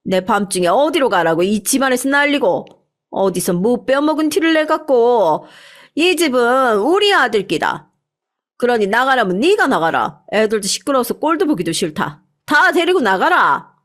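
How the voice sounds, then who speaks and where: A woman voicing a bossy older mother-in-law who speaks with a Gyeongsang accent and talks loudly and whinily. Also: a little high, very animated, a little slow. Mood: scolding. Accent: Gyeongsang dialect. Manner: bossy, loud and whiny.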